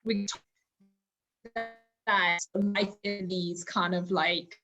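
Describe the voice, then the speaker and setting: A woman's voice: on the low side, little pitch movement, slow, pushed and bright, highs cut off, faint music behind. Woman from zimbabwe on a podcast call from home, earnest, lots of "you know". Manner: earnest and reflective, with frequent fillers like "you know". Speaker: podcast guest. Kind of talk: casual interview conversation.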